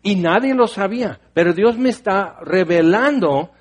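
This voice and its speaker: A man preaching a sermon, telling the story in an animated way and acting out voices. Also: high voice, moderate pace.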